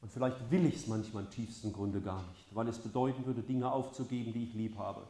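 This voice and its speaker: An older man preaching a sermon with passion, his delivery swinging from soft and intimate to loud and urgent. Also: fairly low pitch, steady tone, fairly quick. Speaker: pastor. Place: church hall. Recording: echoey church hall.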